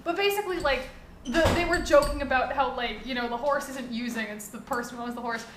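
Rambling high-voiced woman, echoey room. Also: fast talker, a bit bright. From New England. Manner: rambling, swearing, laughing often. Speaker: podcast co-host. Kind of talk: casual chat. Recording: echoey room, background noise.

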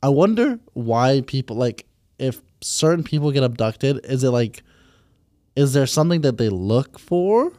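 A man's voice: medium pitch, very animated, a little slow, mellow, no room sound. Young male co-host, teasing and rambling, dry close-mic sound. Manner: joking, teasing, rambling questions. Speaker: podcast co-host. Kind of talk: casual chat.

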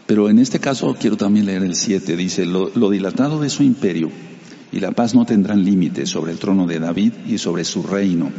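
Deep-voiced man preaching a sermon. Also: gravelly, warm tone, big-room sound, muffled recording. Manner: reads scripture then explains it, addressing the congregation; uses Hebrew terms for sacred names. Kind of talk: sermon with Bible reading.

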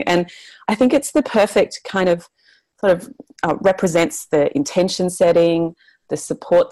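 Woman, podcast host, low voice, encouraging, dry close sound. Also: dry recording. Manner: warmly encouraging, gushing with praise. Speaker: podcast host and birth educator. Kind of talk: casual interview chat.

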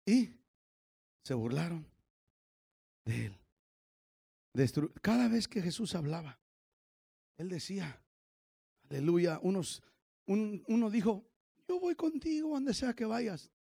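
A male pastor preaching a sermon, moving from loud sung praise to quiet storytelling and joking asides to the congregation. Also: very animated, takes it slowly, creaky, long pauses, husky. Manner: swings from shouted sung praise to low storytelling. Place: church.

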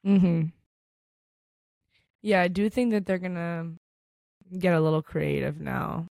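A woman's voice: lowish voice, takes it slowly, vocal fry, darkish tone, no echo. A woman co-hosting a chat podcast who gushes, exclaims a lot and talks with many "like" fillers. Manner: gushy, exclaims often, lots of "like" fillers. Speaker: podcast co-host. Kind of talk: casual chat.

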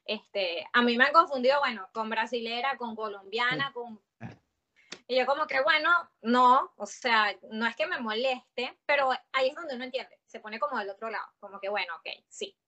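A young adult woman from Venezuela with a Venezuelan accent, chatting casually as a podcast guest, lively, laughing often and swearing offhandedly. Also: on the high side, normal speed.

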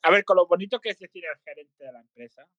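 A co-host of a casual online chat drops in dry, wry remarks. The voice is mid-pitched. The sound is close, with no room echo. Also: fast, a bit bright, lo-fi sound. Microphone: online audio room.

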